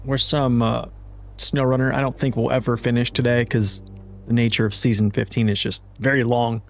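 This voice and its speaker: A video game streamer chats in a laid-back way on his livestream, his speech slightly slurred because his mouth is still numb from the dentist. His medium-pitched voice is level, with vocal fry and a moderate pace, over a little hiss or hum.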